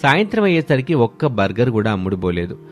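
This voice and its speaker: A man narrating a cartoon story in steady, scripted storytelling. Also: medium pitch, fast talker, soft background music.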